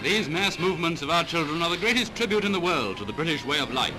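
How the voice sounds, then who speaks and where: A man narrating an old wartime newsreel in a brisk, rousing, patriotic announcer's manner. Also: on the high side, lively intonation. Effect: old newsreel soundtrack with music behind. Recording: newsreel audio with music. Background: music.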